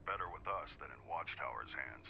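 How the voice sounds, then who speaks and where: An actor playing a composed augmented male ex-soldier engineer in a video game, speaking in a measured, plainspoken way. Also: rumbling low, animated, gravelly, muffled recording, slight background noise, exaggerated voice. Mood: calm. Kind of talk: video game character dialogue.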